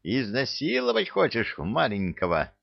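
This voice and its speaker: A man's voice: mid-range voice, wildly swooping pitch, measured pace, gravelly, highs cut off, heavily acted. A man doing a whiny, jumpy little soldier. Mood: panicky. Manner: whiny, yelping. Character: small, jumpy, whiny young male soldier.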